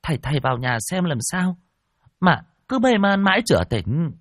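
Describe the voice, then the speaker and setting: Male narrator voicing a tearful, fretful young wife; high, whiny, pleading. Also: very animated, moderate pace, no echo, studio quality. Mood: wailing.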